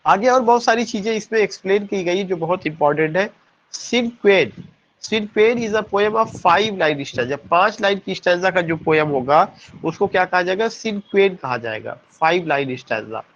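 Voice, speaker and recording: A man's voice: sits high, moderate pace, a bit bright, highs cut off. A man teaching poetry terms in an exam-prep lesson, asking questions and answering them, spelling words out letter by letter.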